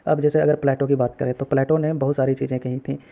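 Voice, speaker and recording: A man's voice: mid-range voice, level tone, quick pace, creaky, mellow, lo-fi sound. A male political science teacher, giving a recorded exam-prep lecture and often checking whether students have understood. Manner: explains step by step, checks understanding with repeated questions.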